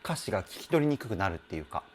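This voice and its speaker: A deep-voiced vocal trainer talks very fast and very animatedly while analysing how a singer performs. His manner is chatty and self-deprecating, full of laughter, with hummed imitations of the sung lines.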